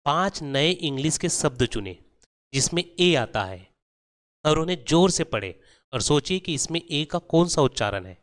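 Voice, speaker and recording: A man narrating a scripted pronunciation lesson, explaining rules slowly and drawing out each example word. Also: fairly high pitch, very animated, fairly bright tone. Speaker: English pronunciation teacher.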